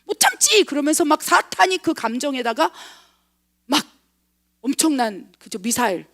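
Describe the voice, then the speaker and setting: A middle-aged woman pastor delivers a sermon in a high, bright-pitched voice. She presses her points with rhetorical questions to the congregation. She swings from forceful stresses to soft, almost whispered asides. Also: lively intonation, moderate pace. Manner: emphatic preaching with frequent rhetorical questions; swings between loud stresses and hushed, near-whispered asides. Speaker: missionary pastor.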